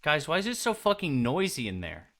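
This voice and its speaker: Bright-voiced young male streamer. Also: on the high side, huge pitch swings, fairly quick, slight background noise. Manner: loose, joking, talks to chat. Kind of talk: casual game stream chat.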